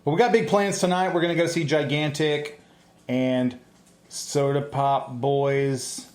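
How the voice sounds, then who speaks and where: A man's voice: on the high side, moderate pace, echoey room. A man co-hosting a casual podcast at home, joking with his co-host and plugging local spots. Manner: jokey, banters and plugs local spots. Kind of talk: casual chat. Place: home, room with pets.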